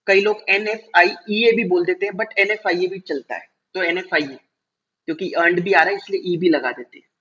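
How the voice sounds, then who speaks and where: A male teacher giving a classroom lecture, explaining step by step, slowing down to spell out terms and checking whether students follow. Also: high voice, bright, forceful tone. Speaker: commerce teacher. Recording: dull lo-fi recording.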